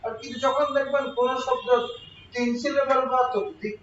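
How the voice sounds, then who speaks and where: An exam prep teacher gives a grammar lesson to a class, posing questions and then answering them himself. His voice is very high-pitched, fairly quick, a bit bright, with fairly even intonation, and the recording sounds roomy, distant, dull, and lo-fi with faint noise.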